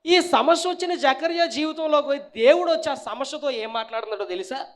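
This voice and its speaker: A man preaching as pastor, asking the congregation questions and prompting them to answer, swinging between loud and hushed. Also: very high voice, brisk. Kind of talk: sermon.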